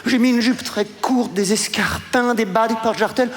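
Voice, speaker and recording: Man putting on a shrill, gushing posh lady. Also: fairly even intonation, moderate pace, fairly bright tone, slight background noise. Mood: coquettish. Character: posh, flirtatious upper-class Parisian woman. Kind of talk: stand-up comedy. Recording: live stage audio with long reverb, audible audience ambience.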